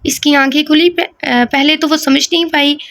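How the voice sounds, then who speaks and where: A woman's voice: sits high, fairly even intonation, moderate pace, a bit bright. A woman reading a romance novel aloud who breaks off now and then for casual joking asides. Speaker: audio novel narrator.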